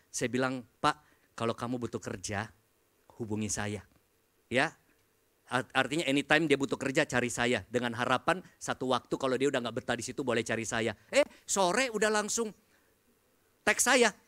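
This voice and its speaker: A man preaching in a large church hall with an Indonesian accent, telling stories in an animated, joking way and acting out quoted voices. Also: mid-range voice, moderate pace. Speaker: pastor. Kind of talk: sermon with storytelling.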